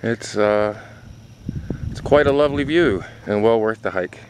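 A man's voice: on the low side, measured pace, rough recording. A middle-aged man filming himself on a hike, talking casually and rambling to the camera as he walks on an open mountain top. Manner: relaxed, rambling, talks to camera while walking. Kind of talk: casual spoken hiking commentary. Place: outdoors on a windy mountain top. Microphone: handheld camera mic. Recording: loud wind noise on camera mic.

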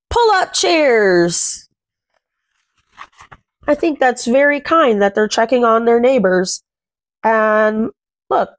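With a fairly high pitch, this young woman reads a picture book to small children, using expressive, sing-song phrasing and chatting along the way. She's a children's read-aloud host in a small room at home, and the audio is studio quality with no room sound.

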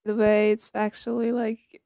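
A tired young woman with a rough voice, rambling and apologetic as she introduces her audio drama. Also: mid-range voice, monotone, measured pace, dark tone. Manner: rambling, apologetic, many fillers. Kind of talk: casual intro chat.

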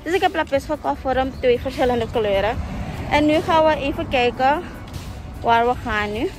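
A woman's voice: high voice, normal speed. A young woman, chatting casually to viewers on her vlog while talking through a face mask, slipping English words into her talk. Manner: chatty, addresses viewers directly, mixes in English. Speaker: vlogger. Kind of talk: casual vlog chat to camera. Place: outdoors at a market and by a car. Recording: loud background music.

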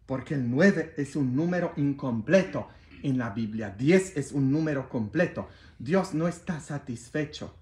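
Slow, animated priest preaching. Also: male voice, medium pitch. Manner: animated and playful, with bursts of shouting and jokes. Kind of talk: sermon. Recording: roomy echo.

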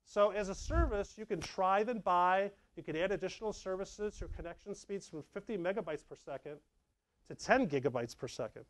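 A middle-aged man with a high-pitched voice speaks at normal speed, giving a lively, conversational tech talk at a meetup and acting out small scenes. He's presenting slides in a dark meeting room with a projector, and the audio quality is poor.

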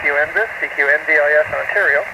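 A man's voice: fairly high pitch, fast, gravelly, far from the mic. Man over faint, static-heavy shortwave radio. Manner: relaxed, chatty, laughs easily, many fillers. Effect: faint shortwave radio reception through loud static. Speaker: amateur radio operator. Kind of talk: casual on-air radio contact.

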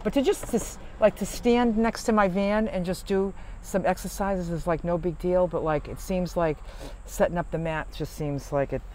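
Man, van-life vlogger, higher register, loose rambling delivery with fillers; faint vehicle noise behind. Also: normal speed, a little mellow, low-quality recording. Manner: rambling, chatty, many fillers and restarts. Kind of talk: casual chat to camera. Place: parked van at a rest stop.

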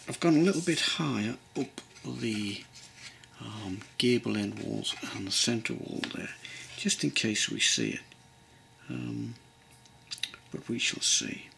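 A middle-aged English man giving a relaxed modelling tutorial at his workbench, thinking aloud with many pauses and ums. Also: mid-range voice, vocal fry, a little hiss or hum. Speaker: model railway builder. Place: workbench at home.

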